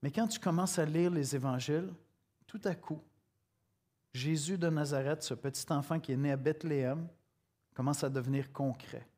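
Québécois preacher guy, middle-aged, chatty sermon, talks right to you, voice sits a bit high. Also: moderate pace, darkish tone. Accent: Québécois French. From Quebec. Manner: conversational, storytelling, addresses listener directly. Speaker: pastor.

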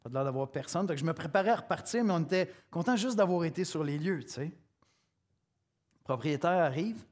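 A man's voice: on the high side, lively intonation, moderate pace. A middle-aged man with a Québécois accent preaching a sermon in a conversational, storytelling way, speaking straight to the listener. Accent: Québécois French. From Quebec. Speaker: pastor.

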